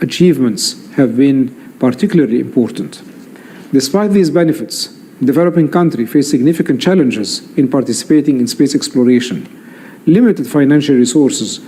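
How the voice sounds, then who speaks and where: A man delivering a scripted, formal podium speech with deliberate, rhetorical phrasing. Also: medium pitch, warm tone. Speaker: space agency representative.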